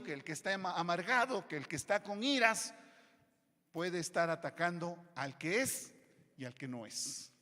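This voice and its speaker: A male pastor preaching a sermon, switching between loud emphatic lines and quiet low asides. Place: church hall. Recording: long church hall reverb.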